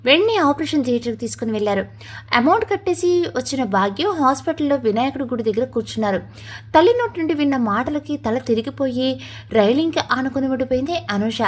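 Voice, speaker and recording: High voiced lady reading a dramatic family story out loud. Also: expressive, fast, breathy edge. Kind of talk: scripted story narration.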